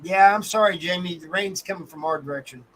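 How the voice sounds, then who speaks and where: An American man hosts a casual livestream, chatting in a folksy, colloquial way and calling his viewers by name. His voice sits high with a fairly bright tone, and he talks fairly quickly; the audio is poor, with slight background noise.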